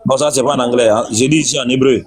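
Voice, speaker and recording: A man's voice: medium pitch, fairly even intonation, fast. A man in a religious debate, insistently repeating his questions.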